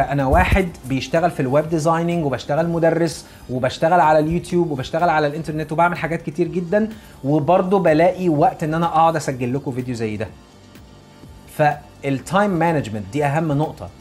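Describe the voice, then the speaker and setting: An Egyptian man in his thirties talks straight to his audience at a brisk clip. He is an English teacher who repeats his key points for emphasis. Quiet music plays underneath his voice. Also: a little high. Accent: Egyptian Arabic. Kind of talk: casual motivational talk to camera.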